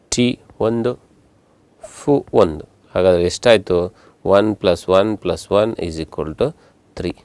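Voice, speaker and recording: Slow, patient Kannada-accented male teacher. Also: on the low side, a little mellow, no room sound. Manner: slow, patient, repeats words and counts syllables aloud; mixes Kannada with English terms. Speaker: English grammar teacher. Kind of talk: classroom lesson explaining syllables.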